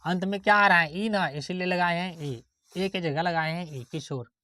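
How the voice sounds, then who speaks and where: A woman's voice: lowish voice, moderate pace, bright, forceful tone, no room sound. A woman teacher giving a spelling lesson, sounding out words letter by letter and checking that the pupils follow. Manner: asks checking questions of the pupils. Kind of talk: classroom-style spelling lesson.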